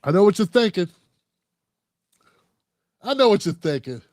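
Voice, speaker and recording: A man's voice: high voice, very animated, measured pace, darkish tone, no room sound, studio quality. A man hosting his own commentary show, talking loosely and profanely, rambling and calling his viewers "fam". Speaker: host. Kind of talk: casual political commentary monologue.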